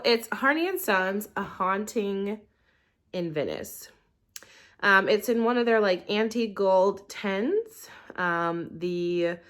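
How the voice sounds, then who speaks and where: At home in her living room, a young woman chats to a camera held in portrait mode for a casual tea review vlog. Her mid-range voice is blocked-up and slightly nasal, and she rambles loosely, hedging with ums and likes.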